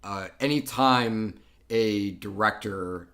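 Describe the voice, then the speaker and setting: A man's voice: fairly low pitch, slow. A man co-hosting a podcast, joking and swearing freely in casual chat. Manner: jokey, profane, bursts into loud playful bits. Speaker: podcast co-host. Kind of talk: casual chat about a movie trailer.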